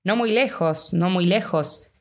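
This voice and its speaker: A woman's voice: lowish voice, unhurried. A woman voicing a wretched, hungry male creature who repeats himself in a whiny way. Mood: sly.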